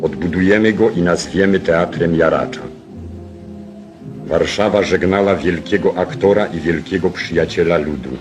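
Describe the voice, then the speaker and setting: A man narrating an old 1940s newsreel in a solemn, measured studio voice-over. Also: low-pitched. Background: music.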